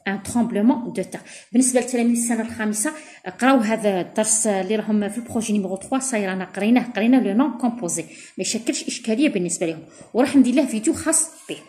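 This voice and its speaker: A woman with an Algerian Arabic accent gives a recorded revision lesson for primary pupils. She explains in dialect, slowly dictates French sentences and spells word endings letter by letter. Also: mid-range voice, dark tone. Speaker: primary school teacher.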